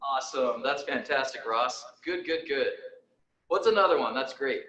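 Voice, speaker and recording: A man hosting a team meeting, energetic and encouraging, repeating his prompts, his voice echoing like it is in a cave. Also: medium pitch, moderate pace, muffled recording. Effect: cave-like echo on the call. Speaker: meeting host. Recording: echoey room with light noise.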